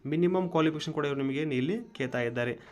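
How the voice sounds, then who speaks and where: A man talks through job listings in an unscripted voice-over. He often pauses, repeats filler sounds and restarts his sentences as he reads. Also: on the high side, a little mellow. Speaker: job news presenter. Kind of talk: casual explainer voice-over.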